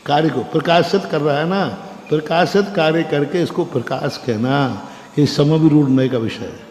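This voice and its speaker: A man teaching as a monk gives a classroom-style religious lecture, quizzing listeners with frequent questions and conversationally repeating key phrases. His voice is a little high and a little mellow, at a moderate pace, recorded in an echoey hall with faint background noise.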